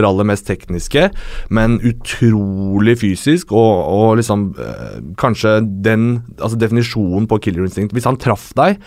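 Low-voiced man explaining at ease. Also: dry recording. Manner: explanatory, relaxed, filler-heavy. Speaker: guest, martial arts expert. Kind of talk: casual podcast chat.

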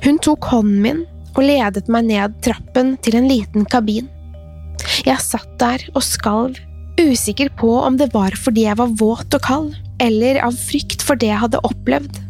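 A woman's voice: on the high side, a little mellow. A woman reading a scripted first-person horror story in a tense, suspenseful way. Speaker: narrator. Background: faint music.

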